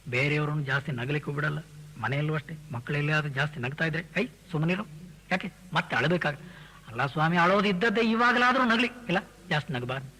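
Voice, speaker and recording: A man giving a spiritual discourse, explaining verses as a teacher, reciting the verse lines slowly and drawn out and putting rhetorical questions to his listeners. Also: sits high, bright, forceful tone, breathy edge, low-quality recording.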